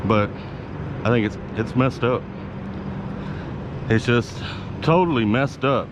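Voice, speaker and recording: Speaking slowly at a medium pitch, this man vlogs for his YouTube viewers, rambling along in relaxed slang with the odd swear word. He's recorded on an action camera attached to his hat, and outdoor and vehicle sounds come through clearly behind him.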